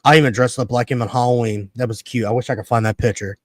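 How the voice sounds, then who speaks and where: A podcast host in his early thirties chats casually and fast in a medium-pitched voice, ranting and telling stories. He swears freely and acts out his reactions with quoted lines, captured in a dry, studio-quality recording.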